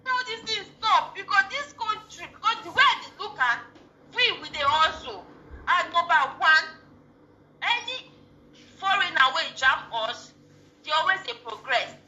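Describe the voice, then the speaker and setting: A woman from Edo State with a Nigerian Edo accent, chatting casually in Nigerian Pidgin in a halting, repetitive way. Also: extremely high pitch, big pitch swings, bright, forceful tone, muffled recording.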